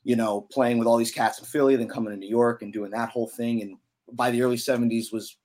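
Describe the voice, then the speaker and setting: A young man, a musician guest on a podcast, telling a story in a casual, animated way with lots of "you know". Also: mid-range voice, fast.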